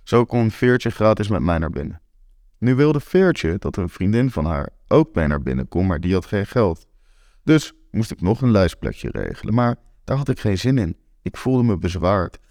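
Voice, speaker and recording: Twenty-something guy reading his own story, lowish voice, kinda wry and blunt. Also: big pitch swings, moderate pace, darkish tone, dry recording, clean studio sound. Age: 20s. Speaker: narrator. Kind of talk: first-person story reading.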